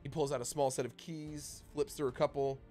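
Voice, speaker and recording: A man's voice: on the high side, little pitch movement, brisk, dark tone, faint music behind. A man narrating a tabletop fantasy game as the game master, in loose, rambling narration full of restarts. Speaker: dungeon master.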